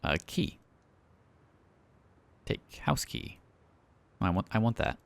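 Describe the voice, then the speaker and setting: A man's voice: fairly low pitch, big pitch swings, slow pace, creaky, a little hiss or hum. Man thinking aloud over a game. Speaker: gaming YouTuber. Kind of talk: casual let's play commentary.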